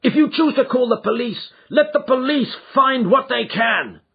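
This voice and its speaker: A man voicing a proud, defiant young man accused of theft, speaking in heated tones with his own husky voice. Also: fairly high pitch, very animated, moderate pace, heavily acted. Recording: dull lo-fi recording.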